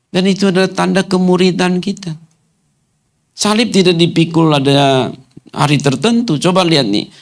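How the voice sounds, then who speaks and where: A male pastor preaching a sermon to his congregation, firing off rhetorical questions and rising into commanding, almost shouted lines. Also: a little high. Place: church hall.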